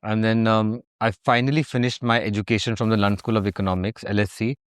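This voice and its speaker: A man's voice: lowish voice, little pitch movement, quick pace, clear, resonant tone, dry recording, clean studio sound. A man with an educated upper-class Indian accent, answering interview questions in a reflective, conversational way. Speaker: interview guest.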